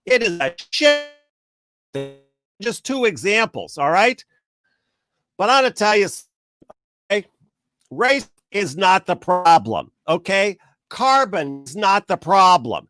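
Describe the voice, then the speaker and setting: A man's voice: sits high, slow pace, long pauses, no room sound. A middle-aged man telling a story in a casual rant to camera, acting out the people in it. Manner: animated storyteller, acts out quoted people, rants.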